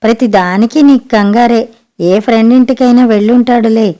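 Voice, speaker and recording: A woman's voice: fairly high pitch, normal speed, mellow, close to an everyday voice. A woman voicing an irritated middle-aged father in an audiobook story, talking brusquely and dismissively.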